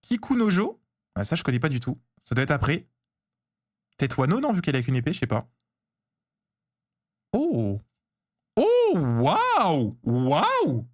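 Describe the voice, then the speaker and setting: A man streaming live as he opens trading cards, chatting casually, getting excited and answering his chat. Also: on the high side, fast talker.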